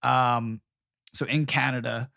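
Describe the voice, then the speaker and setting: A young man in casual conversation as co-host, leaning on "you know" and "like" as he talks. His voice sits at an ordinary middle pitch. It is recorded close and dry with no room sound. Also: little pitch movement, takes it slowly, creaky, sharp tone, dry recording. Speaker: podcast co-host. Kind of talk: casual chat.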